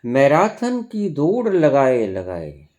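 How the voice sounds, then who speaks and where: Slow, lively preaching man. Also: medium pitch. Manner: explains slowly, rising emphatic phrases. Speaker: spiritual teacher. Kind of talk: sermon.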